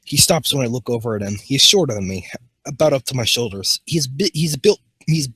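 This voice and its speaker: A man's voice: mid-range voice, animated, fairly quick, fairly bright tone, breathy edge, dry recording. A man hosting a comedy show, reading fan fiction aloud and often tripping over words and restarting.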